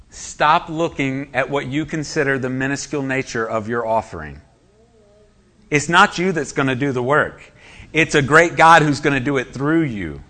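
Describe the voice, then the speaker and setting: A male preacher delivers a sermon with a bright, forceful voice. He speaks emphatically and keeps turning to his listeners with rhetorical questions. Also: mid-range voice.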